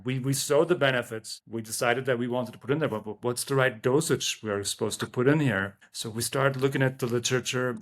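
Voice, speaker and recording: A man from Turkey, a company co-founder, talking loosely as an interview guest with many fillers and restarts. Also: mid-range voice. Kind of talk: casual interview talk.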